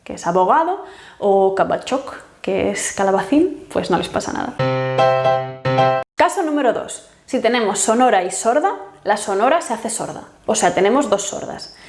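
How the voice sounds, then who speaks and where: A woman teaching a language lesson, patiently explaining and slowly repeating each example word with care. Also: medium pitch, lively intonation, over music. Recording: roomy echo.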